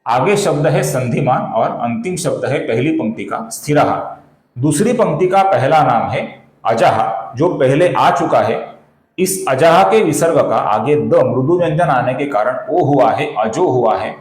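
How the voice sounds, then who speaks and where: A man teaching correct pronunciation of Sanskrit verses, chanting them slowly and deliberately and addressing viewers as friends. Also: medium pitch, expressive, reverberant, rough recording. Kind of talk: recitation tutorial.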